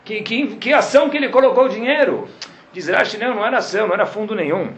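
A man's voice: high voice, rapid-fire, a bit bright, a little hiss or hum. A man giving a religious lesson who keeps asking his listeners rhetorical questions. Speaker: Torah teacher.

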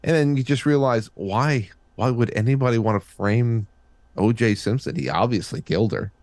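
A man hosting a casual chat, rambling with halting restarts. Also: mid-range voice, darkish tone, no room sound. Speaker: host.

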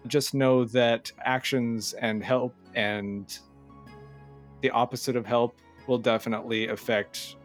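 A man's voice: medium pitch, fairly even intonation, slow. Male game master, plain explanatory delivery, faint music bed. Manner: explains rules plainly, with fillers. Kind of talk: narrating a tabletop game.

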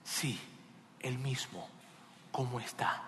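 A man's voice: mid-range voice, slow, a little hiss or hum, voice pushed down. A man acting out a grieving aging king mourning his son, pleading and broken. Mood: hushed dread. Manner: pleading, broken, hushed to wailing. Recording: echoey hall.

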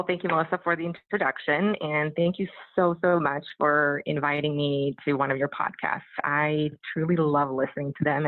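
Gravelly Bosnian-accented woman on a phone-like line. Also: sits low, no echo. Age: 30s or 40s. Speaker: podcast guest. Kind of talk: personal storytelling in an interview. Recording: muffled narrow phone-like line.

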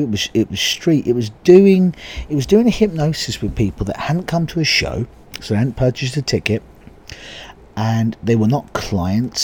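A man with a low, husky voice that is giving out hosts a podcast. He talks casually and on his own to the listener, sounding like he is losing his voice. There is faint noise behind him. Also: a little mellow. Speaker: podcast host. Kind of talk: podcast introduction, casual monologue.

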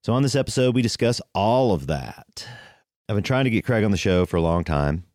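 A man's voice: fairly low pitch, expressive, fairly quick, a little mellow, dry recording, clean studio sound. A man hosting a podcast, giving a casual, rambling introduction monologue with emphatic repetition. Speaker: podcast host.

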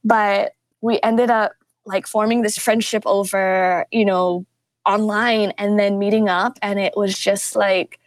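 A young woman teacher, a podcast guest, telling stories in a casual interview and acting out quotes with sudden jumps in pitch. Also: unhurried, no echo. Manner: animated storytelling, acts out quotes with pitch jumps.

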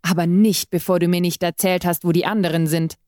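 A woman's voice: lowish voice, fairly even intonation, fairly quick, a little mellow, dry recording, clean studio sound, natural voice. A woman voicing a deranged man posing as an exorcist priest, fanatical and menacing, who snaps his accusations. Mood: fanatical menace. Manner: snapping, zealous.

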